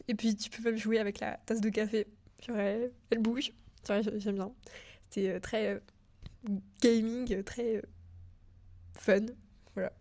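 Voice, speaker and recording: A woman's voice: medium pitch, a little mellow. A young woman, a digital school student, casually walking the viewer through her own website project. She talks in a chatty way, full of fillers, and says she is a bit nervous. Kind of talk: casual screen-share walkthrough.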